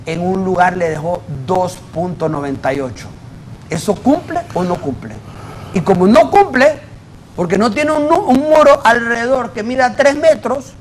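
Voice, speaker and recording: Male auditor guest, high-pitched, emphatic and explanatory. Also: slight background noise, poor audio. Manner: emphatic, explains with worked examples. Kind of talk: debate in a TV interview.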